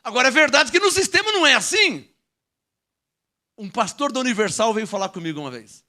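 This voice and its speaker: High, bright-voiced Brazilian pastor preaching. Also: male voice, brisk. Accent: Brazilian Portuguese. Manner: animated preaching, shifts from joking asides to shouted proclamations. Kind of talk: lively sermon. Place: church.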